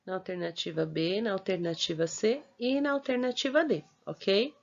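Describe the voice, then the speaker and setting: A woman's voice: mid-range voice, gravelly. Patient Brazilian teacher woman, lo-fi. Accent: Brazilian Portuguese. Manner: patient, spells out syllables slowly, frequent checking tags. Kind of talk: recorded homework explanation. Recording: dull lo-fi recording.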